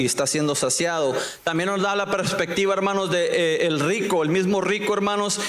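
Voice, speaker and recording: A man preaching a sermon in a church, often pausing with fillers and asking the congregation who says amen. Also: fairly high pitch. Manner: repeats call-and-response "who says amen", many fillers. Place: church sanctuary. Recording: echoey church hall.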